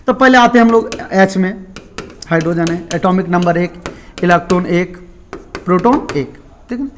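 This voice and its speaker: A man's voice: sits high, moderate pace, slight background noise. A male chemistry teacher with a Jharkhand Hindi accent, giving a classroom lecture and often checking in with his students and answering his own questions.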